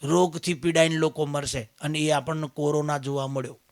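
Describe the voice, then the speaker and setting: Man, Gujarati accent, devotional sermon, high bright voice, dry close sound, loud exhortations and quiet asides. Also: steady tone, no room sound. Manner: preachy, swings between loud exhortation and low asides; chants verses slowly. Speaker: spiritual leader giving a satsang discourse.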